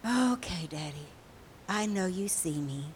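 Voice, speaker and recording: A woman voicing a scared little girl in a bomb shelter, calling out in a high, pleading voice. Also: expressive, measured pace, slight background noise. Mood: anxious.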